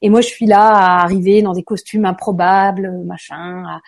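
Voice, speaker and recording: A woman chatting as an interview guest, from France. She talks in a loose, hesitant way, full of fillers and restarts, at an ordinary middle pitch. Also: steady tone, moderate pace. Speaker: guest, stage actress. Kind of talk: casual interview chat.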